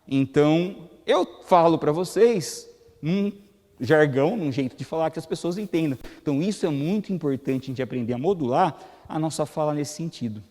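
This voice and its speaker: A Brazilian man with a Brazilian Portuguese accent gives a lecture to a gathered audience, keeping it conversational and asking them questions along the way. His voice sits a little high for a man. The long reverb of the hall carries behind him. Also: moderate pace, darkish tone. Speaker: guest lecturer at a spiritist center. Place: hall of a spiritist center.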